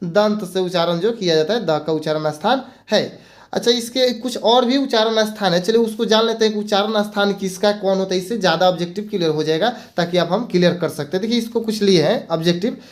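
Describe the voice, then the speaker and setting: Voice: mid-range voice, fast talker. A teacher gives an exam-prep grammar lesson, repeating points and mixing in English words. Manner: asks rhetorical questions and answers them.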